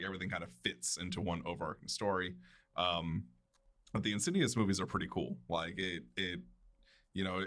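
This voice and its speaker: A man's voice: low-pitched, fairly bright tone. A man co-hosting a casual podcast, speaking hesitantly with lots of ums and uhs. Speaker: podcast co-host. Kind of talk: casual chat.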